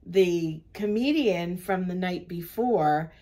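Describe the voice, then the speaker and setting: A woman's voice: lowish voice, slow pace, mellow. An older woman on a cruise ship, chatting through the day's events in a travel vlog from her cabin. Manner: chatty, recounts the day step by step. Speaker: travel vlogger. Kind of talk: casual chat.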